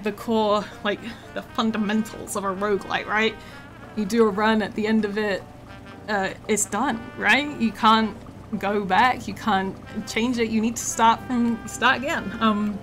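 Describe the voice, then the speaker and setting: Her voice is mid-range with a fairly bright tone, but it's a bit worn because she's slightly losing it. She's a game developer chatting casually on a gameplay live stream, with plenty of ums and laughs, poor audio, and music behind her.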